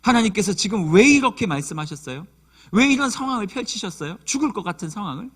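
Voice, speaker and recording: A man's voice: high voice, expressive, fast, fairly bright tone, slightly rough. A man in his thirties preaching a sermon as a youth pastor, telling the story vividly and acting out the quotes.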